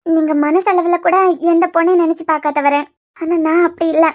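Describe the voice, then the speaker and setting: A woman's voice: very high voice, fairly even intonation, a little fast, darkish tone. A woman voicing a weepy young wife who pleads and sulks, with a Kanyakumari Tamil accent. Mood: pleading. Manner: plaintive, pleading, sulky. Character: young pregnant wife, weepy and easily hurt. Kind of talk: cartoon web series voice acting.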